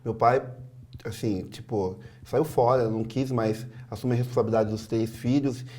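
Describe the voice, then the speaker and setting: A man from Sorocaba, a guest recounting his life in a halting interview, with many fillers and soft trailing endings. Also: medium pitch, steady tone. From Sorocaba, Brazil. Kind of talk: personal testimony in an interview.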